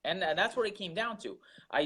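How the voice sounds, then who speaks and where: With a high, lively voice that is pushed, bright and slightly rough, a young man from Russia talks a little fast in a casual interview. As a guest entrepreneur, he earnestly describes his daily grind, often repeating himself and using many fillers.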